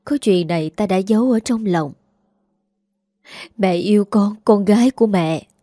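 Stern older matriarch, voiced by a woman, commanding; low warm tone, audiobook drama. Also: normal speed, no room sound, clean studio sound, lightly acted. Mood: weak, remorseful. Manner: severe, commanding.

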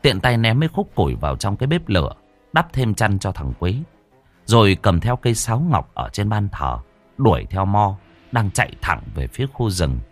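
A man narrating a ghost story in a lively, expressive way. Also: lowish voice, normal speed, faint music behind. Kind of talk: scripted narration.

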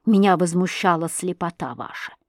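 A woman reading an audiobook, voicing a jealous, stern husband who shouts sharp accusations. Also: lowish voice, lively intonation, normal speed, no room sound, studio quality, lightly acted. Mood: cold, righteous. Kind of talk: audiobook reading of a classic novel.

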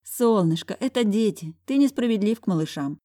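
A doting, sly middle-aged housekeeper coos over the children, as a woman reading the book puts her on. Her voice sits higher and sweeter than the narration, recorded close and dry. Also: lively intonation, brisk, mellow, no echo, natural voice. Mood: doting, cooing. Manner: affectionate, cooing, sly. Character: teasing motherly female housekeeper, middle-aged.

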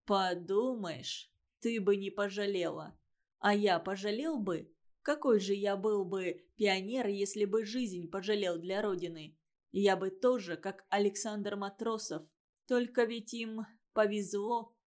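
A woman's voice: mid-range voice, measured pace, a little mellow, natural voice. A woman reading a story aloud and giving a condescending schoolboy his lines in a lecturing tone. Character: know-it-all schoolboy, condescending and boastful.

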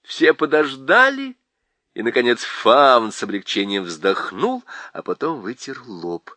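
A male storyteller reading a storybook with slow, measured pacing and a wide, animated pitch range. His tone is bright and forward. The reading is dramatic and expressive. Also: dry recording. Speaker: audiobook narrator.

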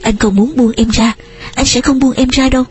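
A woman's voice: high voice, steady tone, fairly quick, soft background music, close to an everyday voice. A woman voicing a passionate young man who pleads urgently with the woman he lost. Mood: pleading.

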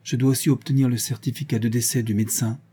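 A man's voice: medium pitch, little pitch movement, quick pace, mellow, husky. A man reading an audiobook, voicing a young bourgeois widow who talks in a dry, level tone. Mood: composed. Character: widowed young bourgeois wife, cool and composed.

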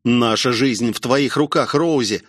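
A man's voice: medium pitch, a little slow, husky, no echo, studio quality. A man voicing a stern, composed companion. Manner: strict, calm commands. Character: stern composed man, steadying a panicked driver.

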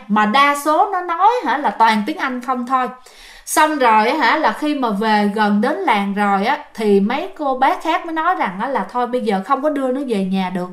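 Female storyteller, Southern Vietnamese accent, high-pitched, casual and chatty, addressing the audience. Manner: chatty, addresses listeners directly. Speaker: ghost story narrator.

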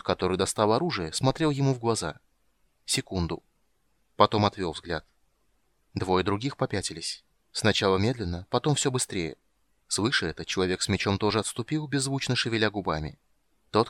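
A man with a fairly low voice reads fantasy narration for an audiobook. His delivery is steady and measured. The recording is dry and close, with no room sound. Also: no echo.

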